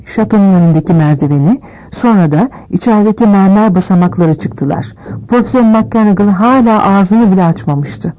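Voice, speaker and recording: Mellow-voiced woman reading a story. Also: normal speed, dull audio. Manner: reads all characters with small pitch shifts. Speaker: audiobook reader. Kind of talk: scripted narration.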